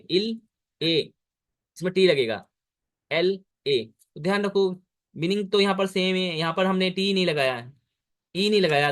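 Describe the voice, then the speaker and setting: A man with an Indian accent gives a one-on-one French lesson over a video call. His voice sits fairly high for a man, and he patiently repeats each word slowly so the student can follow. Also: fairly bright tone. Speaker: French tutor. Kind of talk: online language lesson.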